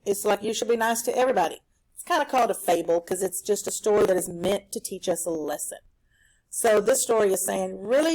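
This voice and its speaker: A woman with a mid-range voice teaches a recorded reading lesson for kids at home, explaining a story in an animated, explanatory way. The recording is rough.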